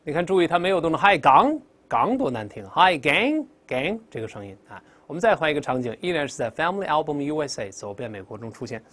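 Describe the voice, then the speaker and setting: A man's voice: a little high, lively intonation, quick pace, few pauses, fairly bright tone. A male English teacher giving a vocabulary lesson, drilling words aloud and stretching out the sounds.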